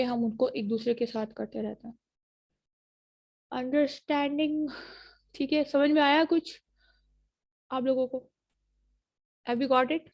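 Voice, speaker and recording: A woman's voice: high-pitched, a little mellow. A woman teaching a university phonetics lecture, switching between Hindi-Urdu and English and often checking that students follow. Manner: mixes Hindi-Urdu and English, checks understanding with repeated "ठीक है".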